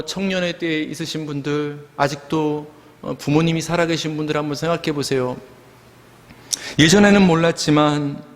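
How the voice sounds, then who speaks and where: High-voiced pastor preaching in a reverberant hall. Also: male voice. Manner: earnest preaching, leads the congregation in calling out together. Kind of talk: sermon. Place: church sanctuary. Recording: long church hall reverb.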